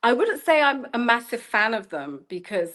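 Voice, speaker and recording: A journalist and storyteller living in China, a woman in her thirties, guests in an interview with a slightly high, sing-song, fairly bright voice at normal speed. Thoughtful and searching, she restarts frequently and peppers her words with "you know."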